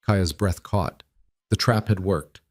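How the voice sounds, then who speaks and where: Male audiobook narrator, low voice, dry close sound, steady and dramatic. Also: slow pace, no echo.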